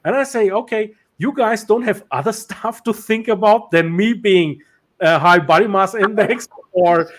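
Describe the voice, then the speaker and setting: This high-pitched man speaks unhurriedly as he hosts a relaxed video-call interview in English. German or Turkish is his native tongue, and he often restarts sentences and leans on fillers.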